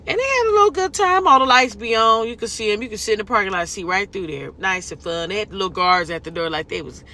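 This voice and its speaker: A woman from California, with a Californian accent and an animated, bright, forceful medium-pitched voice, talks fast to her viewers in a vlog. This lifestyle vlogger is folksy and talkative, tossing in lots of "y'all" and "okay."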